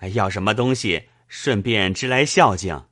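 A man reading an audiobook, voicing an eager, fawning young male relative who talks fast. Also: fairly low pitch, lively intonation, a bit bright, no room sound, studio quality. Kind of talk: audiobook character voice.

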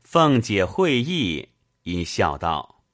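A man narrating an audiobook of a classic novel in a measured, expressive way. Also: lowish voice, no echo, clean studio sound.

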